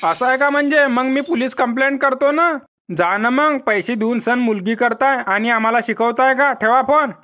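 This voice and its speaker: High-pitched man. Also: moderate pace, noisy background. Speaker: cartoon creator voicing the characters. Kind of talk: cartoon comedy voice acting.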